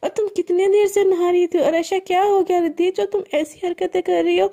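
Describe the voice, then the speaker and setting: A woman's voice: extremely high pitch, fairly even intonation, fairly quick, creaky, warm tone, pitched above the performer's own voice. A woman narrator voicing a caring young woman who pleads and fusses with rising worry. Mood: scolding.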